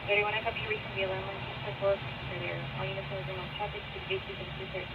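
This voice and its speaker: A woman dispatcher rattles off procedural calls extremely fast. She comes through a crackly walkie-talkie, muffled and swamped by heavy static. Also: mid-range voice, little pitch movement. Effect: crackly walkie-talkie radio. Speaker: emergency radio dispatcher. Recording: dull two-way radio, loud static noise.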